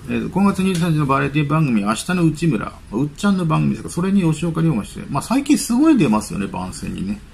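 A man with a somewhat high, husky voice full of gravelly fry reads out gossip headlines and then drifts into casual asides. His pitch swings widely as he comments, like a host chatting to his viewers. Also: sing-song, fast talker, few pauses, darkish tone. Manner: reads news items aloud, then muses with chatty asides. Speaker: channel host. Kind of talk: casual commentary on celebrity news.

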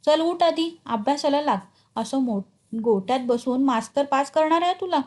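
A woman's voice: high voice, normal speed, darkish tone, natural voice. A woman voicing a strict village mother who scolds her son, raising her voice at him. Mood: scolding. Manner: scolding, raised voice.

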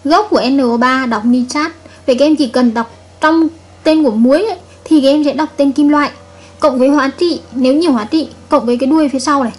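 A woman's voice: high-pitched, quick pace. A woman chemistry teacher giving a recorded video lesson, patiently repeating each point and checking with her students.

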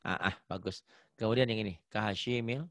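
A man's voice: on the low side, a bit bright, no echo. Patient male Quran reading teacher, dry sound. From Indonesia. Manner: patient, corrects often, models slow drawn-out recitation. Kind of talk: online one-on-one recitation lesson. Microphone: online call.

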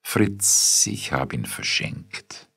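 A man's voice: a bass voice, big pitch swings, drawn-out words, creaky, fairly bright tone, husky, heavily acted. A man voicing an elderly general's wife who speaks unsure and distracted, in a spoken story. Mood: contrite.

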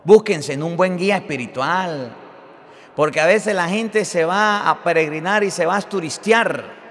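A man's voice: high-pitched, unhurried. Emphatic man preaching in a reverberant church. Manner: emphatic, swinging between loud declarations and quiet endings. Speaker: priest. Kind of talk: sermon.

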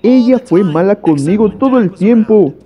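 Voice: mid-range voice, lively intonation, normal speed, soft background music, close to an everyday voice. A reactor reading aloud the lines of a small abandoned puppy in the first person, on a dull lo-fi recording. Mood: sad.

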